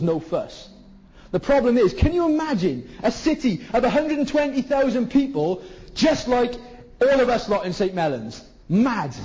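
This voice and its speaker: A man's voice: sits high, a little mellow, husky, lo-fi sound. A man with a Welsh Valleys accent preaching a colloquial sermon, putting rhetorical questions to his listeners. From South Wales valleys.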